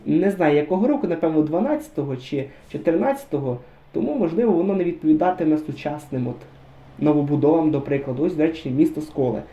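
A man's voice: fairly high pitch, expressive, fast talker, lo-fi sound. A man giving casual, chatty commentary over a driving game, musing aloud and talking straight to his viewers. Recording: roomy echo.

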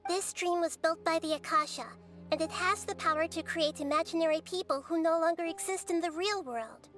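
A woman voicing a small, wise, childlike goddess with a measured, knowing manner in an anime game. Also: very high-pitched, fairly bright tone, soft background music. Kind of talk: anime video game voice acting.

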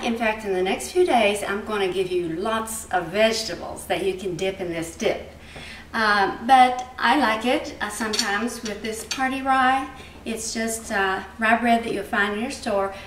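A woman's voice: medium pitch, a little hiss or hum. Chatty middle-aged woman in a home kitchen. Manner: chatty, homey step-by-step explaining. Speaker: cooking show host. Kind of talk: home cooking demonstration. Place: home kitchen indoors, garden outdoors. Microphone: far camera. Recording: roomy, distant home video.

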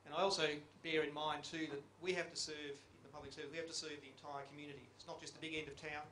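A middle-aged man with a slightly high, bright, forceful voice talks fast in a flat delivery. In an echoey conference room with a faint hiss, he holds a handheld mic as a geological survey panelist, offering reflective panel remarks and asking the audience questions.

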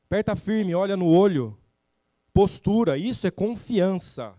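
High-voiced Brazilian man giving a sales talk. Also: a little slow, dry recording, studio quality. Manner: animated, acts out customer dialogues, slangy and blunt. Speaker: sales trainer speaking at a summit. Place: event stage.

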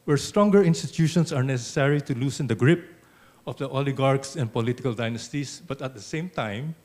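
An older man with a Filipino English accent giving an economics lecture in a measured way, often adding "okay" and a dry touch of sarcasm. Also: on the high side, a little mellow. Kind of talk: academic lecture. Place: auditorium.

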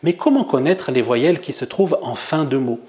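A man's voice: mid-range voice, expressive, moderate pace, a little mellow. A man teaching an Arabic reading lesson, explaining step by step and often checking "d'accord?" with his viewers. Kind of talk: whiteboard lesson explaining grammar.

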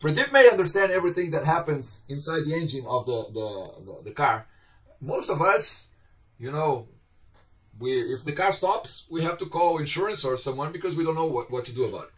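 With a high-ish, animated voice and a slightly quick pace, a middle-aged man with a Brazilian Portuguese accent runs a relaxed online university lecture. He gestures as he talks, keeps a conversational tone, and often asks his students questions. He's recorded by a webcam on a video call from his home office with bookshelves, so the audio is a touch distant.

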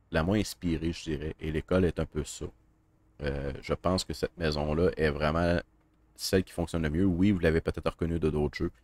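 A man with a Québécois French accent, a horror game streamer giving a casual, thoughtful review with many hesitations. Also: rumbling low. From Quebec. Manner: thoughtful, halting, many fillers.

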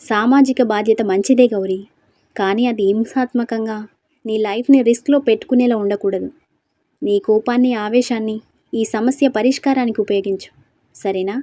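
A woman voicing a calm principled young man. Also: fairly high pitch, moderate pace, no room sound, lightly acted. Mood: persuasive. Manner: steady, reasoning, gently persuasive. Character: calm, principled young male college student.

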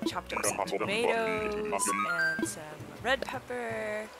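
A woman's voice: medium pitch, sing-song, slow pace, gravelly. A woman streaming a game, chatting casually and bubbly, full of "like" fillers and little giggles. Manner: giggles often between sentences. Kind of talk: casual gameplay chat. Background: loud background music.

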